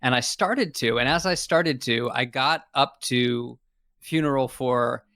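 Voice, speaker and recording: A man's voice: mid-range voice, unhurried, pushed and bright, no echo, clean studio sound. A man hosting a podcast, chatty and storytelling, often hesitating and restarting his phrases. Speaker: podcast host. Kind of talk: podcast conversation.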